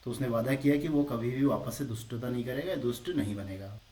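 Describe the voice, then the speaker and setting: A man teaching English grammar in a classroom style, explaining slowly, repeating phrases and keeping up a stream of rhetorical questions. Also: medium pitch, mellow, echoey room, distant mic.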